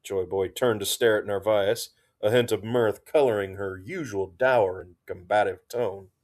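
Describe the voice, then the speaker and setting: A man reads a military fantasy story aloud in a steady, even narrating voice. His pitch sits on the low side, and he moves through the prose at a measured, unhurried pace.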